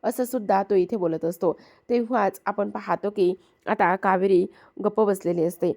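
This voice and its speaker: A woman casually retelling a TV serial episode, repeating herself often and pausing with hesitant fillers. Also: medium pitch, fairly even intonation, mellow. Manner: repetitive storytelling with frequent hesitation fillers. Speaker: serial recap narrator.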